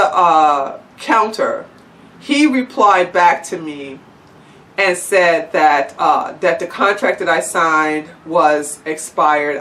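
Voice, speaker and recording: A woman's voice: on the low side, fairly bright tone, far from the mic. A woman vlogger ranting to the camera, blunt and sarcastic, swearing freely. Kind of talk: angry profane rant to camera.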